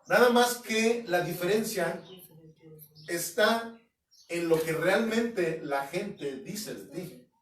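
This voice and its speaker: A man's voice: sits high, expressive, slow, fairly bright tone, slight background noise. A man preaching an expository sermon as pastor, emphatic, now and then mocking doubters in quoted voices. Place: at home. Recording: echoey room, mic at a distance.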